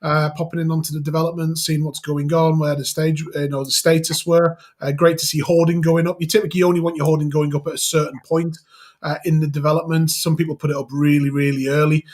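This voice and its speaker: A man's voice: a little high, flat delivery, fast, a little mellow. A man from North East England with a Geordie accent, talking casually as a property developer on a show. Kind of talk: casual chat.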